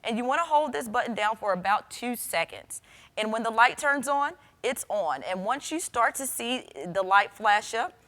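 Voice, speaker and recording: A woman weather forecaster gives an instructional product demonstration, explaining how it works directly to camera. Her voice is a little high and fairly bright, animated, at a normal speed.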